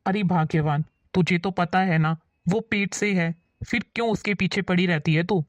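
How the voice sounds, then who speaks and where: A woman's voice: on the low side, steady tone, moderate pace, lightly acted. A woman playing an older father-in-law who reasons patiently with his wife in a family drama. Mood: reasoning. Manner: patient, lecturing.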